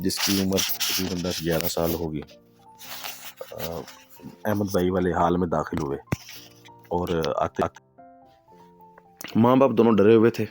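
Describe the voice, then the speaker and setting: A man telling a first-person true horror story in a conversational way, with fillers and asides. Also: low-pitched.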